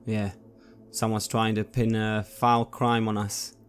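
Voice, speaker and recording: Low-voiced male player, earnest, halting in-character talk, soft music bed. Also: level tone. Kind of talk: in-character tabletop role-play. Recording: faint music behind.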